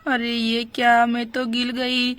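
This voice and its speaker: Brief: a woman doing a worried pregnant young aunt, high slow plea, dry close sound, doll story. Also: monotone, fairly bright tone, soft background music. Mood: distressed. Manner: anxious, pleading. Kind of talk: doll story role-play.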